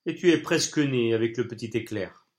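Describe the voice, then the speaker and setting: A man reading an audiobook, voicing a wise old man over 60 who speaks in a calm, grave, measured way. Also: medium pitch, natural voice.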